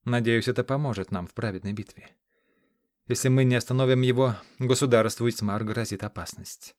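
A man reading the lines of an exiled desert king in an audiobook, measured and solemn. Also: mid-range voice, fairly even intonation, a little mellow, dry recording, clean studio sound, natural voice. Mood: grave.

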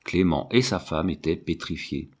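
A man reading a classic novel aloud in a measured, expressive narration. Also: deep voice. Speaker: audiobook reader.

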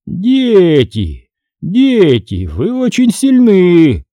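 Man doing a stern creature chief, very slow, commanding, dark husky tone, audiobook. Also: high voice, huge pitch swings, dry recording, pitched above the performer's own voice, heavily acted. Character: stern chief of a small, strong creature tribe. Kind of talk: audiobook character voice.

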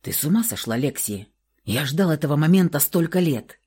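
A woman voicing a wounded ancient male vampire, weak and tender, with a hoarse, hushed voice in an audiobook reading. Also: sits low, animated, brisk, full character voice. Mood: gentle.

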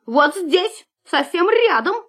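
Woman playing a high, eager little puppy. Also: big pitch swings, slow, fairly bright tone, exaggerated voice. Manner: eager, turns tearful when scared. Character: small curious young male puppy.

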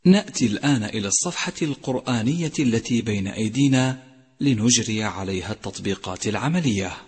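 A man teaching Quran recitation rules in a tajweed lesson, speaking slowly and deliberately and drawing out and chanting each example word. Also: lowish voice, lively intonation, darkish tone, breathy edge, in a large hall. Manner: slow and deliberate, stretching and chanting the example words.

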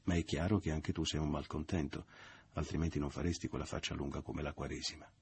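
A man's voice: very deep voice, fairly even intonation, quick pace, vocal fry, darkish tone, slightly rough, exaggerated voice. A man voicing a smug, falsely good-natured man at a family dinner, in a triumphant, self-satisfied tone.

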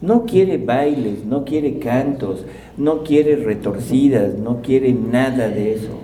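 A man's voice: mid-range voice, slow pace, mellow, slight background noise. A man preaching in a humorous, conversational way, asking the audience questions as he goes. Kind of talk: sermon with audience interaction. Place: large room with live audience. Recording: roomy hall, mic at a distance.

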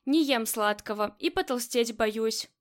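In an unhurried, lightly acted turn, an audiobook's female narrator plays a cool middle-aged crime boss whose voice is high, light, clipped, and confident. Casual in mood, she never gets loud and clearly expects to be obeyed.

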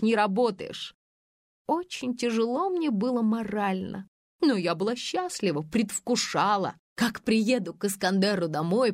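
A woman reading an audiobook, voicing a brash, spiteful, scheming woman with a shrill, mocking manner. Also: darkish tone, no room sound, studio quality, close to an everyday voice. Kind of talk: audiobook character voice.

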